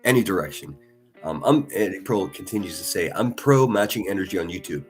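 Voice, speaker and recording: A man's voice: sits low, expressive, a little fast, soft background music. A man on a casual live stream reading viewer comments, blunt and profane, talking passionately and often restarting his sentences. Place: at a desk in front of a laptop.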